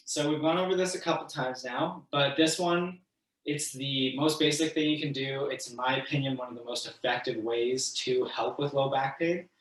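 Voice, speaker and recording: A man leading an online stretching class, casual and encouraging, counting each hold out loud. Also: medium pitch, fairly even intonation, moderate pace, far from the mic. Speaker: fitness instructor. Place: room, moving away from the mic while standing. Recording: echoey room, voice from off the mic.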